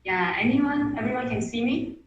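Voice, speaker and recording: An online presentation comes from a webinar speaker whose first language is Mandarin, speaking at normal speed in a slightly high voice. The lo-fi, echoey room audio is captured from a distance so she sounds off-mic, and she eagerly restarts her sentences.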